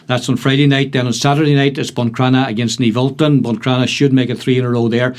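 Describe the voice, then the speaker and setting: A man's voice: mid-range voice, level tone, fast. A man with a Donegal accent hosting a sports podcast, talking casually through results and fixtures.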